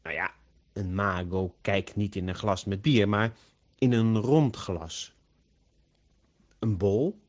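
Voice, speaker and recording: A man narrating a story slowly and carefully, as an audiobook for language learners. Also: on the low side. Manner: slow, carefully pronounced.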